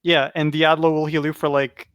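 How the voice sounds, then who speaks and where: A man in casual voice chat about a game raid, talking excitedly and swearing. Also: a little high, fairly quick, clear, resonant tone, no echo, studio quality. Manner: excited, swearing gamer talk. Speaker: healer player in a raid group.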